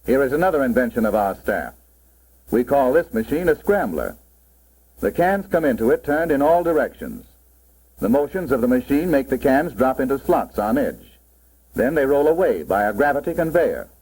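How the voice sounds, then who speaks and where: A man's voice: medium pitch, sing-song, normal speed, a little mellow, husky. A man presenting as a proud company spokesman, narrating a 1940s promotional film in a formal, salesmanlike style. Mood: instructive. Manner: formal, salesmanlike, mid-century narrator delivery. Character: company man presenting his product with pride. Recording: muffled, worn 1940s film soundtrack.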